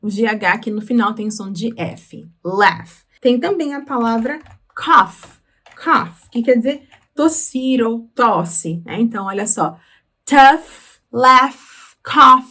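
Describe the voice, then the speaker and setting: A woman with a Brazilian Portuguese accent teaching English through song lyrics, explaining patiently and slowing down on words. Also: fairly high pitch, lively intonation, fairly bright tone, husky. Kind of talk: explaining lyrics in a language lesson.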